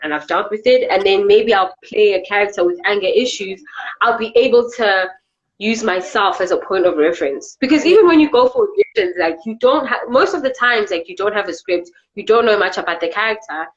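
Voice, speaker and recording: A woman's voice: medium pitch, lively intonation, a little fast, dull audio. A South African actress talking casually as an interview guest, chatty and peppering her talk with "you know". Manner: chatty, filler-heavy, repeats "you know".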